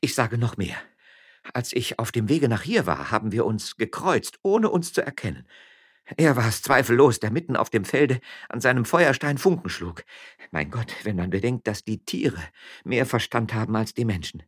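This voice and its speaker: A man's voice: medium pitch, animated, normal speed, breathy edge, pitched above the performer's own voice. A man voicing a proud, fiery young miller's wife who speaks firmly and indignantly. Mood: urgent.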